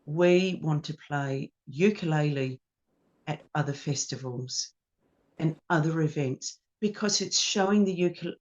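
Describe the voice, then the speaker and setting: A woman with an Australian accent, a ukulele teacher and performer, telling lively anecdotes in an interview and acting out the quotes. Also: low-pitched, a little slow. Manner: animated anecdotes with acted-out quotes. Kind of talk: storytelling in an interview. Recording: dull lo-fi sound.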